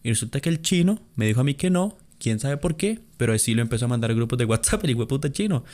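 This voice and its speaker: Costa Rican male podcast host, mid-pitched voice, rambling storyteller, swears casually. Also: animated, fast talker, darkish tone. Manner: rambling, profane, chuckling asides.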